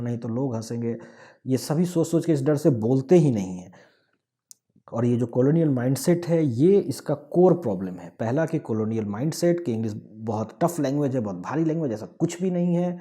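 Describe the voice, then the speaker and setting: Speaking in a mellow, medium-pitched voice, a man with a Bihari accent from Bihar, India, explains things earnestly, one point after another. He is a speaker for a language-awareness movement.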